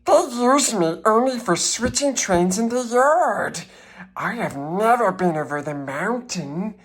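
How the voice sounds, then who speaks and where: Squeaky, raspy little engine. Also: male voice, lively intonation, slow, fairly bright tone, heavily acted. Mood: kindly timid. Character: little blue engine, kind, timid but determined.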